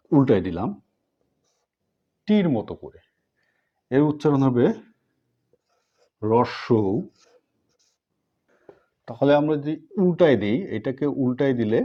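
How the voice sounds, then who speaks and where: A man teaching a basic language class, drilling sounds slowly and patiently and speaking straight to his viewers. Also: mid-range voice, warm tone, highs cut off. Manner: slow, repetitive drilling with pauses; patient, addresses viewers directly. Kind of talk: step-by-step language lesson.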